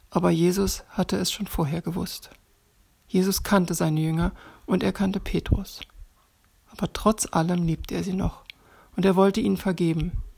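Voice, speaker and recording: Gravelly, husky woman reading a children's bible story. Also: lowish voice. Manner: speaks directly and warmly to the child listener.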